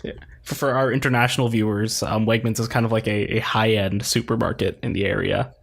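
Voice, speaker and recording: A man's voice: on the low side, fairly even intonation, brisk, gravelly, breathy edge. Playful young podcast guy. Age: young adult. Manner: playful, jokey, moves the talk along. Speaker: podcast co-host. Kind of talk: casual chat.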